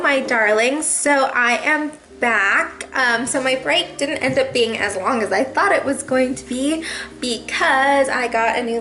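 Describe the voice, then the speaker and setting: A woman's voice: on the high side, a bit bright, poor audio. A young adult woman, a mom vlogger, venting casually to camera in a chatty, rambling way with lots of fillers. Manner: chatty, rambling, laughs often, many fillers.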